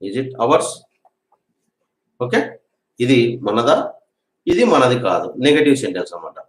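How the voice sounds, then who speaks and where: A man teaching a spoken English grammar lesson, patiently repeating example sentences slowly for learners to drill. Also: fairly high pitch. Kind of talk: classroom-style grammar lesson. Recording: echoey room.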